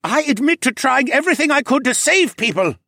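A man's voice: very high voice, lively intonation, fairly quick, creaky, bright, forceful tone, no echo, studio quality, pitched above the performer's own voice, heavily acted. A man voicing a frightened, pleading male muskox demi-human in an audiobook. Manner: desperate, begging. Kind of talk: audiobook character voice.

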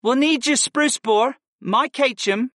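A man's voice: very high voice, takes it slowly, a bit bright, dry recording, clean studio sound, voice pushed up, heavily acted. A man voicing a clever, eager young female summoner in an audiobook. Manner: eager and scheming. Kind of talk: audiobook character voice.

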